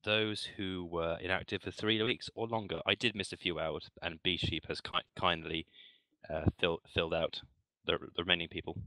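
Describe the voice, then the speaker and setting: A man reporting as a clan's roster officer in a casual voice-chat meeting, speaking haltingly with frequent restarts, over a headset mic. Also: low voice, level tone, sharp tone, no echo, low-quality recording.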